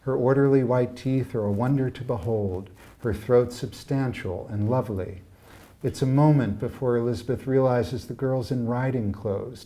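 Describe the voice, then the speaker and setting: A man reading from his own novel at a live literary evening, in a measured and expressive storytelling manner. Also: medium pitch.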